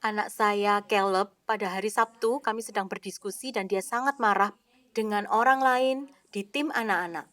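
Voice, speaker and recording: A woman preaching a sermon in an expressive way, acting out the dialogue she quotes, recorded as a studio voice-over. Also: mid-range voice, normal speed, no room sound.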